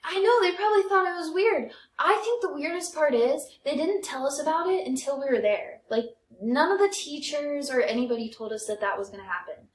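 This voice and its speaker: With an expressive, high-pitched voice, a young American woman rattles along fairly quickly with few pauses, chatting and telling personal stories. She co-hosts a comedy podcast, and the sound is roomy and echoey.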